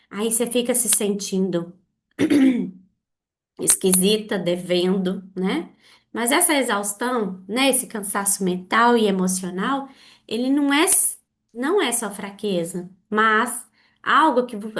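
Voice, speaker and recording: A woman with a Brazilian Portuguese accent, hosting a therapy podcast, speaking earnestly to listeners with repeated rhetorical questions. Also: mid-range voice. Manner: earnest, repetitive rhetorical questions, slow halting delivery. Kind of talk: reflective monologue addressing listeners.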